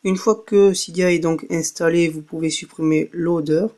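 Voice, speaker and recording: A man's voice: fairly high pitch, steady tone, moderate pace, darkish tone. A man narrating a casual tech tutorial, hesitating often with fillers and saying "voilà" after each step. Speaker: tech blogger giving a tutorial.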